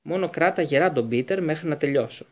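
A man voicing a calm, patient grown man who explains in an earnest, measured way in an audiobook. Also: fairly high pitch. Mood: quiet.

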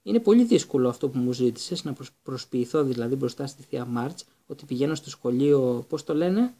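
A man reading an audiobook voices a sharp-tongued teenage boy who answers curtly and sarcastically. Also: medium pitch, expressive. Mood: defiant. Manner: curt, sarcastic.

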